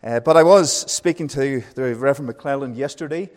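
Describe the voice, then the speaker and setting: Preaching in a large church hall whose long reverb rings around him, a Northern Irish pastor in his thirties speaks at a mid pitch with a slightly mellow tone. He keeps a relaxed, friendly pace and frequently pauses on little fillers.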